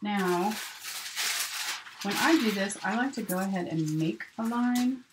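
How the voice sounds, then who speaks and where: A woman's voice: medium pitch, a little slow. A middle-aged woman giving a casual, chatty hands-on tutorial, talking herself through each step as she works at a table. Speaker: sewing instructor hosting a live stream. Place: indoors at a work table. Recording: noisy home recording with rustling paper and clicks. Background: paper rustling, clicks, steady noise.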